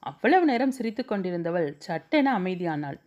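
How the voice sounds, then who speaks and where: A woman's voice: on the low side, sing-song, moderate pace, darkish tone, highs cut off. A woman reading a novel aloud as an audiobook, giving the characters' dialogue small voice shifts. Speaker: storyteller.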